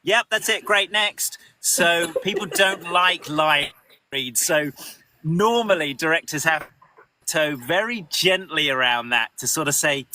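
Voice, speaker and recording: A man, a voice actor, answering questions in a live interview, animated and full of restarts. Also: fairly high pitch, unhurried, slight background noise. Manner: animated, lots of restarts, acts out quotes.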